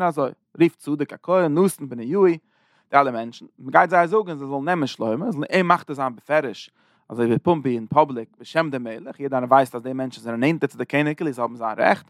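A man teaching a lesson on a biblical chapter. He retells the story in plain everyday terms, in rapid run-on sentences with many restarts. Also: mid-range voice, no echo, clean studio sound.

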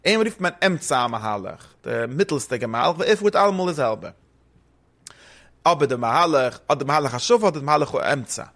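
Fast-talking man explaining a text. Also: a little high, expressive, fairly bright tone. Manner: rambling, fast, mixes German with Hebrew and English terms. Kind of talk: casual study discussion.

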